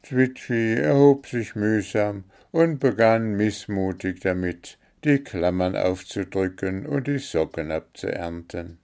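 A man reading a children's story aloud in a gentle, steady manner. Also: fairly low pitch, slow pace, vocal fry, hardly any pauses, clear, resonant tone.

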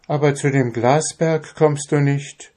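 A sad, pleading young princess under a witch's spell, as a male narrator puts her on in a high, soft voice. She speaks slowly and gently, like a character in a read-aloud fairy tale. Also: fairly even intonation. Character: enchanted king's daughter, young woman, pleading and sad.

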